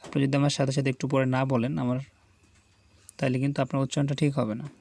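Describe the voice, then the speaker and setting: A man's voice: medium pitch, level tone, vocal fry, a little mellow. A man teaching Quran reading, sounding out letters one at a time and patiently urging the viewer to repeat each one after him. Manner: patient, deliberate, coaxing learners to repeat aloud. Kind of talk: slow call-and-repeat letter drill.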